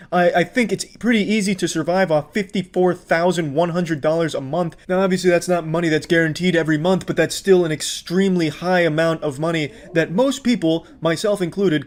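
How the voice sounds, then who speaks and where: A man's voice: a little high, normal speed, few pauses. A man talking casually to camera as a content creator, blunt, profane and exasperated.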